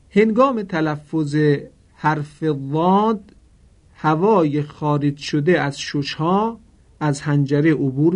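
A man teaching Quranic pronunciation in a formal, polite manner, drawing out each example word slowly so listeners can repeat it. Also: fairly high pitch, darkish tone. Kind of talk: pronunciation lesson.

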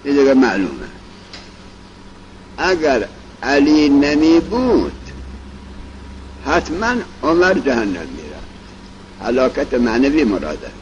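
Male grammar teacher, casual lecture delivery with a lively, swooping pitch, on a dull lo-fi recording. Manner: explains in plain speech, reciting Arabic examples slowly. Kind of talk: colloquial classroom lecture. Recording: dull lo-fi recording with faint vehicle noise.

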